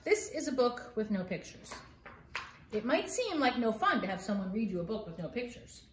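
Her voice is on the high side and animated as this middle-aged woman reads a children's picture book at a moderate pace, acting it out playfully with mock-exasperated asides. A phone camera a few feet away in the living room records roomy home-video audio with slight background noise.

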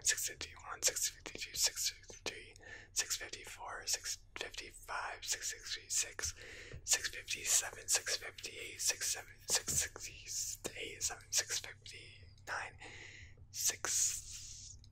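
Casting: young man, ASMR, breathy and very crisp whisper, counting steadily under breath. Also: takes it slowly, bright, forceful tone, low-quality recording. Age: young adult. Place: living room at home, indoors.

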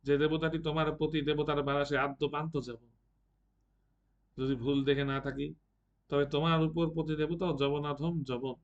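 A drunken young warrior sneers and taunts in a low, soft murmur, as a man reading a play puts him on. The mocking lines come slow and slurred. The recording sounds dull and lo-fi. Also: flat delivery, natural voice. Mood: drunken taunting.

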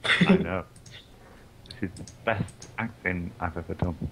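Slow deadpan man. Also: low voice, slight background noise. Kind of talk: comedy ad skits.

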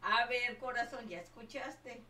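Older woman, slow and bright, doting live-stream gamer, echoey room, mic at a distance. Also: on the high side. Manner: doting, calls everyone my child and my love. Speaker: livestreaming gamer. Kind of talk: live game stream chat.

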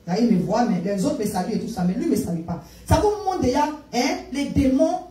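A woman from Africa with an African French accent, preaching a sermon as a prophetess and telling a story in animated fashion, mixing French and English. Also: a little high, brisk. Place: church sanctuary. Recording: echoey room, distant from the mic.

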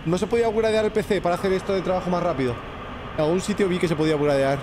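A man doing live gameplay commentary, excitable, swearing and shouting at the game while talking to his chat. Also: sits high, very fast, noisy background. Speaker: streamer. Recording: game music behind the voice.

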